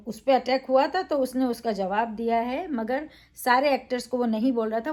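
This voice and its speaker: A woman's voice: fairly high pitch, a little mellow. A woman reviewing a reality show in a casual, opinionated way, emphatic, with frequent fillers.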